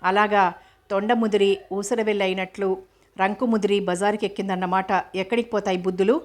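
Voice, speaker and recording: A sharp-tongued young actress who snaps and scolds, as a woman reads her lines aloud. Her voice stays mid-pitched and flat in melody, brushing people off in short, cold sentences. A storybook reading. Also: fairly quick, natural voice. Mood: scornful. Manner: curt and scolding.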